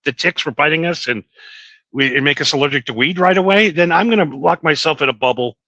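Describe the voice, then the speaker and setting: Middle-aged male co-host, bright and forceful tone, dry close sound, animated self-mocking storyteller. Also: a little high, fast talker, no echo, lo-fi sound. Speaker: podcast co-host. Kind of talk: casual stoner chat. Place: small studio.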